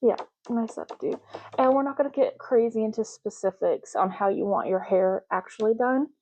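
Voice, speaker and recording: In this soft-spoken ASMR roleplay, a woman with a slightly high voice talks slowly and casually. She often repeats words on purpose.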